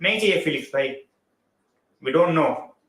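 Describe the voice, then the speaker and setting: A man with an Indian English accent hosts a casual live stream, chatting loosely and greeting viewers by name. His voice is bright and forward. The room adds a clear echo around it. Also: a little high, expressive, very fast. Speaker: football live-stream host.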